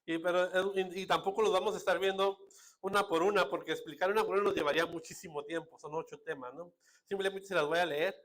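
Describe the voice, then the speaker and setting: A man's voice: high voice, fairly even intonation, fast talker, a bit bright. A man with a northern Mexican accent preaching a sermon as a pastor, in a casual, joking way full of rhetorical asides. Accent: northern Mexican Spanish.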